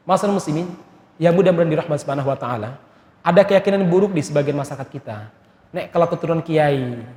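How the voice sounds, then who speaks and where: A man from Indonesia's Malay region giving a sermon as a preacher, telling stories in a lively way with friendly asides to the congregation. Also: on the high side. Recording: echoey hall with long reverb.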